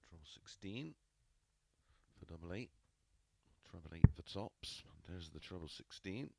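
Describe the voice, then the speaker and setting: A man giving understated, analytical darts commentary, with low-key remarks on form and statistics. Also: animated, measured pace, vocal fry, heavy background noise.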